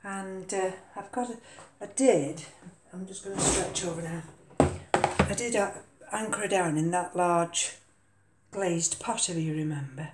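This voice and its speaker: An older woman talks through her orchid potting at an unhurried pace, stopping often for ums and uhs. Her voice sits low and mellow. The kitchen around her gives a roomy echo. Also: slight background noise. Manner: hesitant, lots of ums and uhs. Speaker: orchid vlogger. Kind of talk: casual chat while potting a plant. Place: home kitchen.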